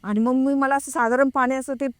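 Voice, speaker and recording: A woman telling a personal story in a casual, hesitant way. She pauses to recall details. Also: high voice, steady tone, clear, resonant tone, dry recording. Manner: reenacts a friend's frightened words. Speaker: guest recounting a personal experience.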